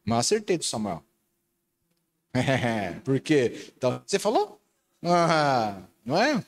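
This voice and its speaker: Animated, playful Brazilian pastor, middle-aged man. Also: mid-range voice, slow pace. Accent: Brazilian Portuguese. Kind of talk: lively sermon with audience game.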